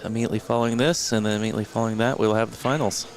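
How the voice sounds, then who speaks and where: A man giving live color commentary on a pool tournament, analytical and measured, sometimes trailing off mid-thought. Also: on the low side, fairly even intonation, slight background noise, rough recording.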